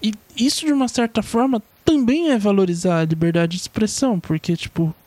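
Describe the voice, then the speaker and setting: A man's voice: high voice, fairly quick, a little mellow, no echo. A young man with a Brazilian Portuguese accent giving a rambling, slangy opinion monologue full of swearing.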